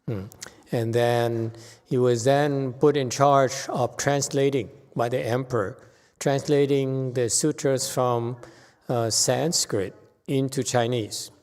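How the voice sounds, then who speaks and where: A man lectures informally, explaining as he goes in a slow, halting way. His voice sits at a middling pitch and rings with long reverb. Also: fairly even intonation, a little mellow. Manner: halting, searching for words. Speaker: Buddhist teacher and commentator. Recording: long reverberant hall sound.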